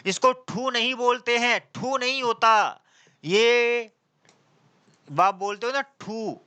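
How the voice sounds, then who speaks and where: A man teaching an exam-prep class, lively and questioning, who keeps asking his students questions and answers them himself, reading English examples slowly. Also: high voice, clear, resonant tone. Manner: mixes casual slang with slow, drawn-out English example sentences. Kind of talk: classroom lecture.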